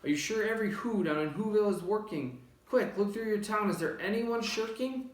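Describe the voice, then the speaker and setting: A man's voice: high voice, a little fast, reverberant, distant mic, voice pushed up, natural voice, low-quality recording. A man voicing an earnest, protective big elephant who pleads, in a storybook reading. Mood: urgent encouraging. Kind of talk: storybook read-aloud.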